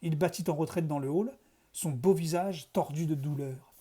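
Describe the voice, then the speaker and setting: A man narrating a children's novel aloud in steady first-person storytelling. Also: a little high, normal speed, slightly rough.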